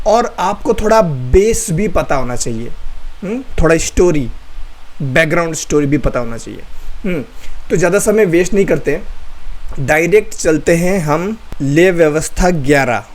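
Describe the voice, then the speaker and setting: A man with a slightly higher voice gives an online Bible lesson. He keeps firing rhetorical questions and answering them himself, and hammers key phrases through repetition. When he reads scripture he slows right down to a deliberate pace. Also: animated. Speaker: host and Bible teacher. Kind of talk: online Bible teaching talk.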